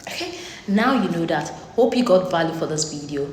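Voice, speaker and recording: A woman's voice: on the low side, expressive, a little fast, a little mellow. A young woman nurse presenting a casual health explainer in a chatty, teasing way. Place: lecture room. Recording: echoey lecture hall with faint noise.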